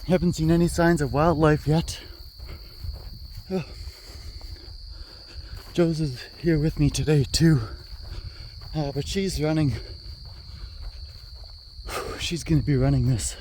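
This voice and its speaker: A man's voice: a little high, fairly even intonation, slow, long pauses, a little mellow, a little hiss or hum. A man hosting a hiking vlog, chatting casually and thinking aloud as he walks a wooded trail with a handheld camera. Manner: chatty, musing aloud with fillers. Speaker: hiking vlogger host. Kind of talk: casual walk-and-talk narration. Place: outdoors on a wooded prairie trail. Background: faint insects and crickets.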